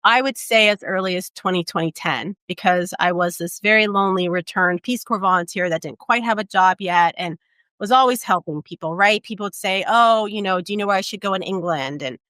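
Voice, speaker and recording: A woman in her forties, a travel advisor raised in Portugal, telling her career story in a relaxed interview with many "um"s and tag questions. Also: medium pitch, brisk, no room sound. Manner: reflective, storytelling, frequent "um" and "right?". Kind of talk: conversational interview.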